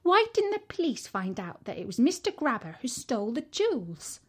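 A woman's voice: on the high side, very animated, moderate pace, slightly rough. Theo, a woman doing a puzzled young monkey. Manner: questioning, puzzled.

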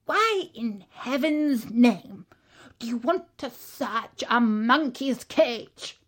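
An older zookeeper, blunt and exasperated at the police, voiced by a woman reader. He talks slowly in a slightly raised pitch. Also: lively intonation, a bit bright, full character voice. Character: older male zookeeper, long career.

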